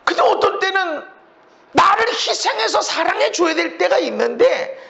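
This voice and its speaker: High, gravelly impassioned male pastor. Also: sing-song, moderate pace, highs cut off. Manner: impassioned, acts out inner voices, rising to shouts. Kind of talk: sermon.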